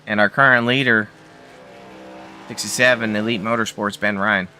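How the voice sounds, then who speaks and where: A Canadian man calling an online truck race as lead commentator, relaxed and chatty. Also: lowish voice, moderate pace, slight background noise. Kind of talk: sim racing commentary.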